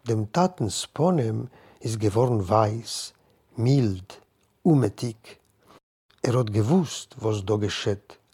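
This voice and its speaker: A man reading a literary story aloud in a measured, deliberate way. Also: fairly low pitch, animated, darkish tone, husky. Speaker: narrator.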